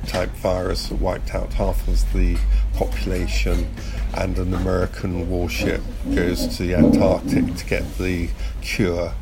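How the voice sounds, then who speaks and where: This middle-aged podcast producer, a guest in an interview, replies in a relaxed way, hesitating and working out his thoughts aloud. His deep voice moves unhurriedly yet with hardly any pauses. Loud music sits behind him, the audio quality is poor, and a clear, steady ambient hum runs throughout.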